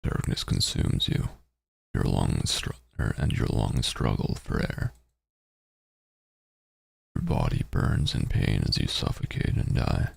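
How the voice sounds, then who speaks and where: Very deep, gravelly male game streamer. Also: animated, takes it slowly, no echo. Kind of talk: reading game text aloud with casual commentary.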